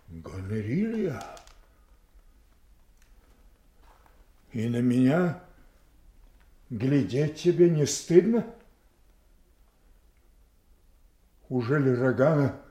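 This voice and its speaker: An actor playing a proud, wounded old king in a classical audio tragedy, declaiming haltingly between hushed grief and thundering rage at his daughters. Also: mid-range voice. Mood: hurt, incredulous. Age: older. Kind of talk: Russian classical stage tragedy acting, audio play. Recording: roomy, echoing studio audio play.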